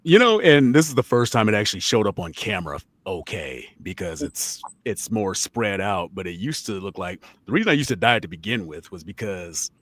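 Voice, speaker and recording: Man, forties, podcast host, casual, cussing, low pitch, animated. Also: a little fast, few pauses, no room sound. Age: 40s. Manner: loose and joking, swears casually; friendly banter with co-host and chat. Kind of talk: casual chat, reading viewer comments.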